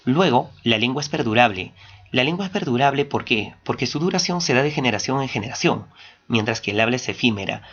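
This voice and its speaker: A man with an Ayacucho Peruvian Spanish accent gives a classroom lecture in a mid-pitched voice. He poses questions and answers them himself, drawing out key words to stress them. The recording sounds dull and lo-fi. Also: animated, fairly bright tone. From Peru. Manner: stresses key terms, stretching some words slowly. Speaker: teacher.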